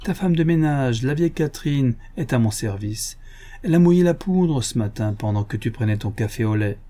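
A man reading the part of a cocky, mocking gentleman thief in an audiobook, taunting and condescending. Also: medium pitch, animated, normal speed, natural voice.

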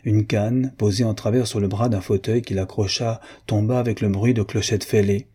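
A man narrates a literary novel in a steady, measured reading. His voice is low and mellow, with a husky grain. The delivery stays even and unhurried.

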